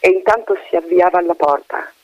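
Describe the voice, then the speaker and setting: A man reading a literary story aloud in a measured, grave manner. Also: sits high, dry recording. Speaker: narrator. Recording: dull lo-fi radio recording.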